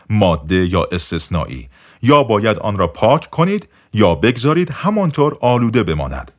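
A man narrating an audiobook in a measured, repetitive way, often letting his voice drop softer at the end of phrases. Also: medium pitch. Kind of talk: scripted narration.

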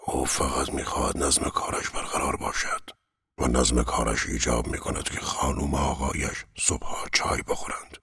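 A man's voice: a bass voice, expressive, gravelly, bright, forceful tone, husky, full character voice. A man voicing a dying middle-aged man in pain, whispering his inner thoughts and giving curt, weary replies. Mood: whispered despair.

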